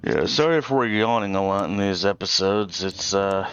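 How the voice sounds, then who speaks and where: In a casual let's play chat, a co-host guides a friend through a game, sounding tired after being up since early morning. His voice is low, a bit bright and clean, at a normal pace, though the audio is dull. He's patient but hesitant, with lots of ums.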